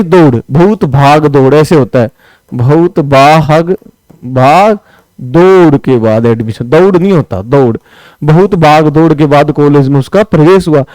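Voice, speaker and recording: A man's voice: a little high, warm tone, no echo, rough recording. A male teacher going through spelling questions for an exam, blunt and chiding, often calling his students "brother". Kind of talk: exam-prep spelling lesson.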